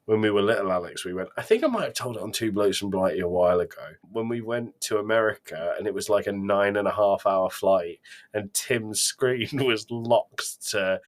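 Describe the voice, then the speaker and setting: A man co-hosts a podcast, chatting casually in an enthusiastic, emphatic way. His voice is fairly low in pitch and moderately paced.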